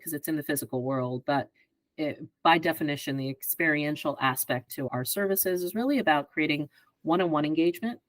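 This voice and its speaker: A woman in her fifties, a guest on a podcast, explaining her work in a measured way and often checking in with "right?". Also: sits low, dry recording, low-quality recording. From greater Philadelphia area. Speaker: advertising executive guest. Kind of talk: podcast interview answers.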